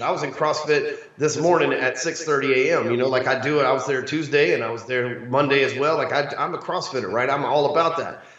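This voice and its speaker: A man's voice: mid-range voice, fairly bright tone. A man from the United States talking casually as an interview guest, brash, slangy and full of swearing. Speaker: sales coach, interview guest. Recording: roomy, distant, slightly dull microphone.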